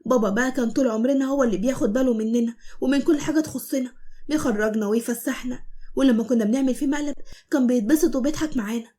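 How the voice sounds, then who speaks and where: A woman's voice: high voice, racing, dark tone, natural voice. A woman voicing a tearful eldest daughter, a university student, in an Egyptian cartoon story. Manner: tearful, pleading.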